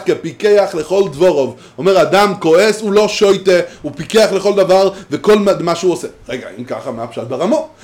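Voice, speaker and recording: Guy teaching talmud class, high lively voice, sings out the quotes. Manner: animated, chanting quoted texts. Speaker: Torah teacher. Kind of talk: Talmudic lecture.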